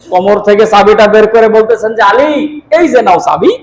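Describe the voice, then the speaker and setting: A man's voice: brisk, echoey room, low-quality recording. A man giving a Friday sermon as a preacher, telling stories dramatically and acting out the quoted speech. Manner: dramatic, acts out quoted speech with big swings in pitch and loudness.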